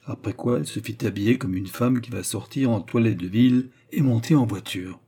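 A man narrating an audiobook in a measured, expressive way. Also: fairly low pitch, husky.

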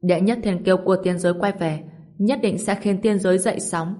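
A woman's voice: fairly low pitch, fairly even intonation, a little fast, mellow, close to an everyday voice. A woman voicing a genial older clan patriarch.

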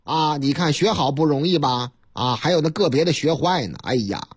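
A radio host with a Beijing accent spins news items into comic tales. The voice swings widely in pitch and has a slightly husky edge, and the delivery is theatrical and folksy. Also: moderate pace. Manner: lively, theatrical, folksy banter.

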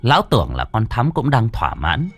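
A man's voice: fairly low pitch, huge pitch swings, brisk, breathy edge, soft background music. A man narrating a ghost story with a dramatic, ominous delivery.

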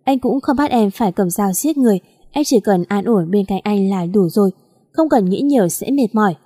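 Brief: woman voicing a tender male gang boss, soft and reassuring, with a husky, warm tone. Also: medium pitch, lively intonation, brisk. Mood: gentle. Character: adult man, protective gang boss lover, tender. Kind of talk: audiobook narration.

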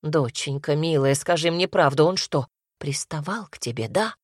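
Casting: anxious lamenting mother in an audiobook, read by a woman, lowish dry voice. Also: normal speed, slightly rough, no room sound. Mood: fretful. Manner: fretful, lamenting, hushed. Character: worried fretful mother, soft and lamenting.

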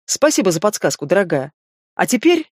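A man's voice: sits high, very animated, brisk, no room sound, clean studio sound. The audiobook reader voicing a stern, sardonic male investigator who speaks in short, cold commands. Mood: mocking.

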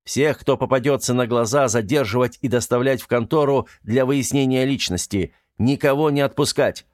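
A man voicing a loud, bossy male major shouting orders in an audiobook. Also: medium pitch, slow, no echo, clean studio sound, natural voice.

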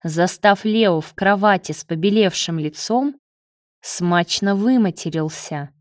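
Woman audiobook narrator, unhurried and steady, dry close sound. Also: mid-range voice, no room sound.

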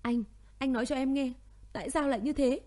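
A young pregnant woman, tearful and pleading, her voice lifted high with grief, as a woman narrator puts her on. The tone stays warm and mellow even at its highest. It is a storybook reading. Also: normal speed. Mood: sobbing.

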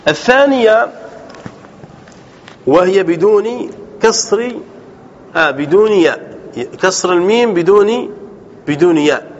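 A sheikh teaching a grammar lesson, explaining slowly and deliberately, repeating points and correcting himself as he goes. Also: high voice, lively intonation. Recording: dull lo-fi recording with faint background noise.

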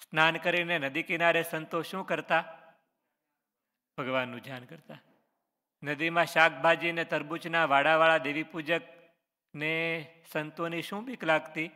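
A man's voice: on the high side, steady tone, a little slow, pauses often, pushed and bright, long reverb tail. A man, a religious teacher reading out quiz questions on scripture stories and answering each one, with short explanations. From Gujarat, India.

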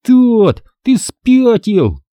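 A man's voice: very high voice, big pitch swings, drawn-out words, no echo, lo-fi sound, voice pushed up, full character voice. Man doing an exasperated 12-year-old boy. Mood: scolding. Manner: impatient, scolding outbursts.

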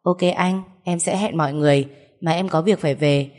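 A woman's voice: deep voice, a little fast, darkish tone, natural voice. A woman voicing a polite, sweet young female admirer in an audio story.

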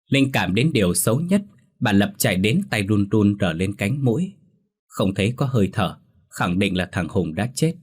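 Male horror storyteller, low and husky, measured scripted reading.

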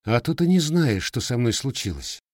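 A man's voice: lowish voice, expressive, normal speed, darkish tone, no echo, clean studio sound, voice pushed up. A man voicing a guarded, scarred young Cossack with plain, blunt village speech.

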